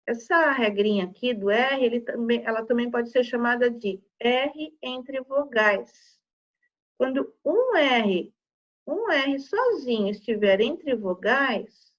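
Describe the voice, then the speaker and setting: Teacher lady talking slow to little kids, kinda high voice, sounds out every syllable. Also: highs cut off. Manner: slow, syllable-by-syllable dictation with frequent "tá?" checks. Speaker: primary school teacher. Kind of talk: remote lesson for young children.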